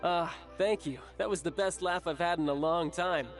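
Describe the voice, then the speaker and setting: A cocky young fighter with a slightly raised, breezy voice. He talks smoothly and playfully, with faint game music behind him. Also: high voice, normal speed. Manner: breezy, laughing, smooth talk. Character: charming young male soldier, cocky and playful.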